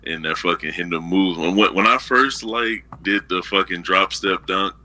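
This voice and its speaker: A man in casual chat, telling stories in an animated, profane way. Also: low-pitched, normal speed.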